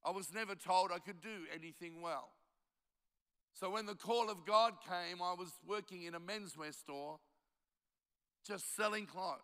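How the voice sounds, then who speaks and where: The same kind of speaker appears here: a pastor in his seventies, raised in Australia by Italian parents, delivering a conference sermon that mixes self-mocking anecdotes with strong exhortation. He speaks in a high, slightly bright voice at a somewhat slow pace, and the clean audio trails off in long reverb.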